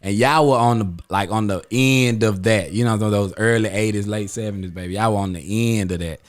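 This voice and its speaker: On the low side and a bit quick, this man's voice belongs to a thirtysomething podcast host. He meanders casually while chatting with friends, dropping in slang and fillers as he goes.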